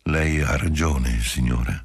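A man reading an audiobook voicing a calm middle-aged professor who speaks in a measured, pointed way. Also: mid-range voice, creaky, breathy edge, no room sound, studio quality, voice pushed up. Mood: calm, allusive.

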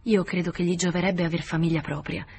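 A man's voice: high voice, flat delivery, brisk, vocal fry, darkish tone. A humble, desperate old servant, as a male narrator voices him in an audiobook. He pleads with his masters in a slightly raised voice. A faint hiss sits under the reading. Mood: pleading.

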